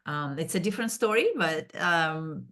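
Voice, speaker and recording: Lower-voiced woman. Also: expressive, moderate pace, fairly bright tone. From Kazakhstan. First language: Russian. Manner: thoughtful, with many fillers and restarts. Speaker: guest, business founder. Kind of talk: podcast interview.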